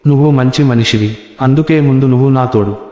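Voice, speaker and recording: A man's voice: mid-range voice, fairly quick, natural voice. Sly female ghost, read by a man. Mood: menacing. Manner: soft, teasing, ominous. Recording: echoey reverberant room.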